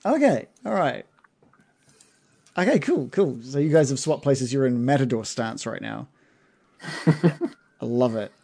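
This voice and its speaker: A man narrating as game master of a tabletop game, playful and quick to laugh. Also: medium pitch, lively intonation, creaky, dark tone. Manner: laughs often, loose and playful.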